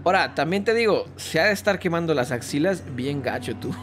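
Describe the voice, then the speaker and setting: A man's voice: on the high side, expressive, brisk, fairly bright tone, soft background music. A man with a Mexican accent, chatting casually and joking while he plays and comments on a game. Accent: Mexican Spanish. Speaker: gaming YouTuber.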